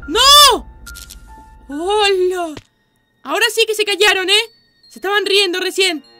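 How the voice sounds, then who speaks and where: A woman hosting a video reaction, giving excitable commentary and often shouting and exclaiming at the screen. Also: very high voice, fast, faint music behind.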